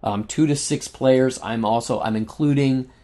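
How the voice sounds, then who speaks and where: A man's voice: mid-range voice, normal speed, mellow. Guy on a game podcast going down his list, lots of ums, laughs a bunch, voice a bit worn out. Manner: enthusiastic, laughs often, lists game facts with fillers. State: losing his voice. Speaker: podcast co-host reviewing board games. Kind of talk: casual chat.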